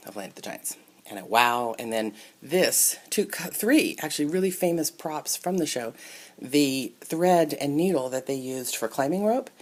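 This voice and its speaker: Middle-aged woman vlogger, very low husky voice, chatty show-and-tell. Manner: chatty, musing aloud with fillers and soft asides. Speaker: entertainment reporter and toy collector vlogger. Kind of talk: casual show-and-tell toy review. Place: indoors at a table with the toys. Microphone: camera mic close by.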